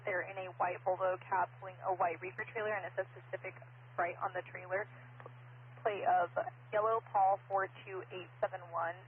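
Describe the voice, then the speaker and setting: A man's voice: high-pitched, level tone, normal speed. A man working as a police dispatcher over police radio, reading out plates and locations in clipped radio code. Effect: police radio transmission. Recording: tinny police radio with hiss.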